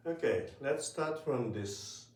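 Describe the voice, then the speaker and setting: A man teaching Japanese in a casual spoken lesson, talking slowly and hesitantly with many fillers. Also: medium pitch, lively intonation. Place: room in Tokyo. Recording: roomy, from a distance.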